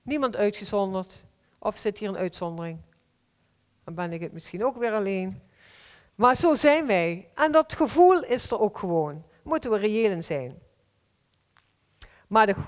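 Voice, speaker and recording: A woman delivers a sermon in a heartfelt, earnest manner, stretching out important phrases. Her mid-pitched voice carries through a church hall with a long, trailing reverb. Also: a little mellow. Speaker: preacher.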